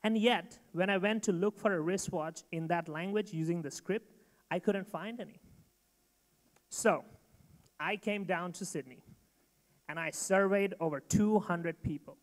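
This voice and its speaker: A man from Bangladesh giving a rehearsed startup pitch to an audience, emphatic and direct. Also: a little slow. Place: event hall. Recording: long hall reverb.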